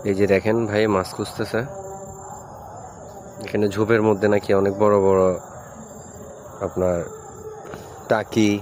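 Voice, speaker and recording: A man's voice: fairly low pitch, flat delivery, moderate pace, long pauses, a little mellow, a little hiss or hum. A man, chatting to his viewers while fishing at a rural wetland, recorded on a phone. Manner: chatty, addresses viewers directly. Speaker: fishing vlogger. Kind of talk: casual vlog chat to viewers.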